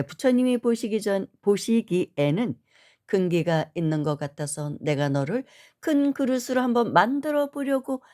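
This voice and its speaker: A woman's voice: mid-range voice, a little mellow. A woman voicing a stern old monk rebuking. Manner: thundering rebuke, slow and drawn out. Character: stern older male Buddhist monk, scolding.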